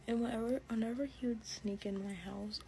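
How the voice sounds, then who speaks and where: A young woman telling a storytime in a casual, hushed, half-whispered way. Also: on the high side, steady tone, brisk, rough recording.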